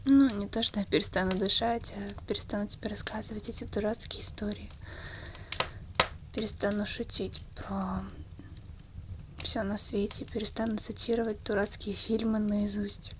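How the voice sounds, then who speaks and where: A woman's voice: mid-range voice, little pitch movement, slight background noise. Intimate ASMR role-play, tender woman. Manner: intimate, tender, slow murmur drifting between soft voice and soft voice. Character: affectionate, wistful girlfriend murmuring by the fireside.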